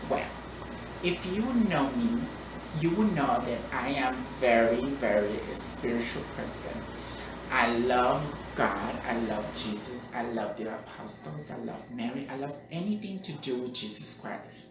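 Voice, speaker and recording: Low-voiced woman in casual vlog chat. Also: a little slow. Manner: chatty, playful, with frequent ums and restarts. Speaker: vlogger answering viewer questions. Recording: echoey room, distant mic, background noise.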